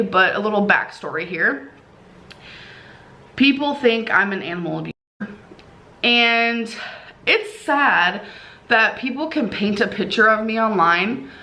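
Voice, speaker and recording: A woman's voice: medium pitch, sharp tone. A woman telling a casual, gossipy storytime vlog in a chatty, rambling way, sounding tired. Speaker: online video creator.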